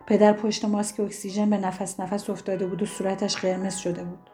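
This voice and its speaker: A woman reading a story aloud in steady, scripted narration. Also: medium pitch, soft background music.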